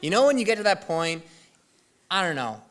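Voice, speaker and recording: In a church hall, a young man with a high, sing-song voice and a fairly bright tone briskly tells the youth group about a trip. As presenter he rambles casually, drops sentences halfway, and fills the gaps with lots of fillers.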